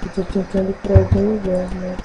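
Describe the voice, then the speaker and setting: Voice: medium pitch, completely flat delivery, brisk, music in the background, low-quality recording. A gaming channel host with a Brazilian accent, giving rambling, casual commentary while playing and thinking aloud.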